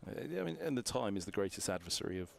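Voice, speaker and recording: A man's voice: on the low side, very animated, fast talker, creaky. A man commentating on cricket from a balcony box, chatty and analytical, thinking aloud through scores with fillers.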